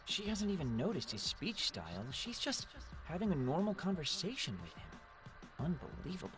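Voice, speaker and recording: Very animated, cheeky teenage boy. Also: on the high side, normal speed. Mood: exasperated. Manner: casual, animated. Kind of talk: anime game voice acting. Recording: music behind the voice.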